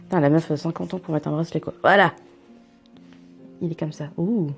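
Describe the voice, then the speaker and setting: A woman's voice: deep voice, fairly even intonation, a little fast, vocal fry, faint music behind. A young woman vlogging an unboxing at home into a camera mic, chatty and rambling with self-mocking asides. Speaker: vlogger unboxing a subscription box. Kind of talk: casual unboxing chat.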